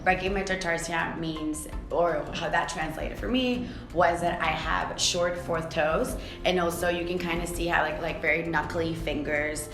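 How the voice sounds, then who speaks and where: A woman's voice: lowish voice, steady tone, unhurried, hardly any pauses. A young adult woman from Costa Rica, a swimwear founder, speaking candidly and reflectively in a documentary interview, with many fillers. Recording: echoey room with music behind.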